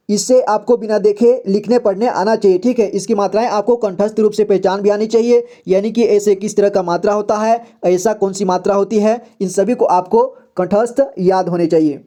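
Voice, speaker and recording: A man's voice: high voice, steady tone, a little fast, few pauses, mellow. A man teaching a beginners' reading lesson, patiently sounding out syllables one by one and checking in with frequent "okay?" asides. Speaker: Hindi teacher.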